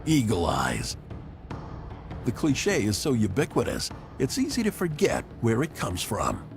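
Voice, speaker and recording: Man narrating a nature documentary, animated pitch. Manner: measured, dramatic phrasing. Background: background music.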